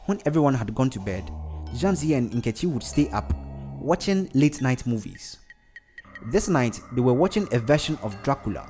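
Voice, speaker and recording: A man doing expressive scripted narration of a story. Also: medium pitch. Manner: expressive, varied.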